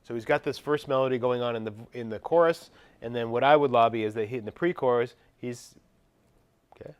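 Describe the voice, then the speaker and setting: A man's voice: medium pitch, fairly quick, smooth, highs cut off. A man teaching a music class, asking the students questions and singing short parts to illustrate them. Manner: quizzes students, scats examples. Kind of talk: classroom lecture.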